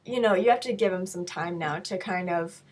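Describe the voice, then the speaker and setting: A woman's voice: fairly low pitch, normal speed, darkish tone. A young woman with a voice affected by being sick, answering questions in a frank, casual vlog style with playful asides. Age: young adult. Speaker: video blogger answering viewer questions. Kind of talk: casual chat to camera, Q&A.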